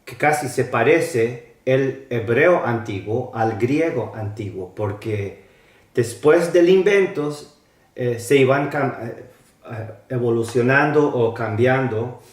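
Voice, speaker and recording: A man teaching a slow lesson on old alphabets, spelling out letters and sounds with hesitations. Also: medium pitch, reverberant, recorded from a distance.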